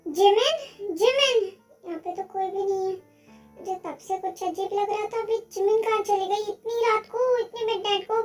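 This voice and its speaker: A woman voicing a possessive, hot-tempered young male boss who shouts and makes demands, with faint music behind. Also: very high-pitched, normal speed. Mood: irritated.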